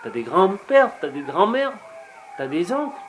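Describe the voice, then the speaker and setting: Man voicing a curious, questioning young boy for a bedtime story, slightly raised pitch. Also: sing-song, unhurried, a little hiss or hum. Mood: earnest.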